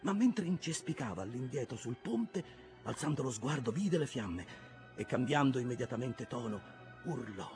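A man narrating an audiobook of a classic novel in a calm, measured reading. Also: medium pitch, faint music behind. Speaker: audiobook reader. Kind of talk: scripted narration.

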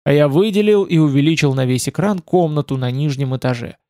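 A man narrating a novel in the first person, in a dry, wry, unhurried manner. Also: fairly high pitch, mellow, no room sound. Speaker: audiobook narrator.

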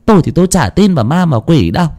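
A man voicing a sharp-tongued, skeptical wealthy wife who scolds with quick retorts. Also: fairly high pitch, sing-song, pitched above the performer's own voice. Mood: scolding.

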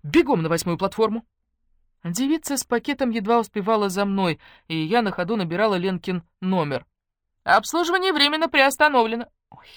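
A woman narrating a first-person novel in a wry, lively storytelling manner. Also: medium pitch, no room sound, clean studio sound. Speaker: audiobook narrator.

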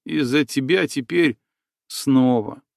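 A man reading the lines of a bitter, prickly young village woman who speaks in a sharp, scornful way. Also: mid-range voice, slow pace, vocal fry, dry recording, clean studio sound.

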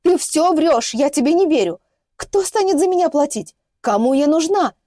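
A woman voicing a scared, defiant young female captive who shouts in hysterical outbursts. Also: on the high side, animated, normal speed, no room sound, clean studio sound. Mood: furious.

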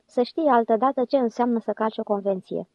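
A woman's voice: fairly high pitch, no echo, natural voice. A woman reading a blunt, harsh young male mechanic, on a dull lo-fi recording.

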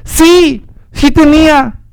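A man voicing a desperate woman begging her brother for money, high and rushed. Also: gravelly, no echo, exaggerated voice. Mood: pleading. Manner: frantic, pleading, rushed. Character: desperate pleading sister of middle age.

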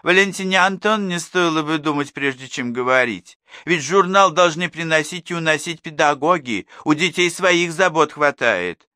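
A man's voice: a little high, lively intonation, moderate pace, pushed and bright, dry recording, studio quality, pitched above the performer's own voice. A man voicing a friendly, chatty middle-aged mother who gossips with her neighbour. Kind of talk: audiobook character voice.

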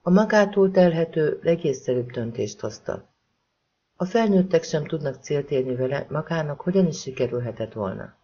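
A man reading a gentle, calm female investigator. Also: fairly high pitch, lo-fi sound.

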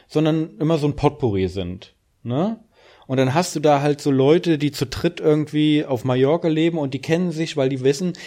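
A man's voice: fairly high pitch, dark tone. Rambling, sarcastic German podcast man. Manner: rambling, frequent tag questions, sarcastic. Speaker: podcast co-host. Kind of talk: casual chat.

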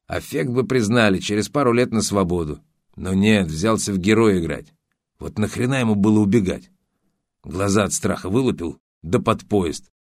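A man's voice: on the low side, dry recording, studio quality. A male audiobook reader voicing a cynical, scheming middle-aged photographer who talks in a sneering, mocking, defensive way. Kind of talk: audiobook character voice.

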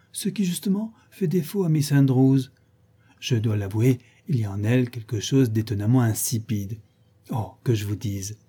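A man reading an audiobook and voicing an effusive, gossipy young woman who flatters her friend. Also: medium pitch, husky.

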